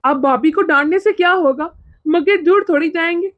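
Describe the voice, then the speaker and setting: A calm young cartoon son-in-law, voiced by a woman, who soothes and reasons in a very high voice. The recording is dull, lo-fi and dry. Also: brisk, no room sound. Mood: soothing. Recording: dull lo-fi sound.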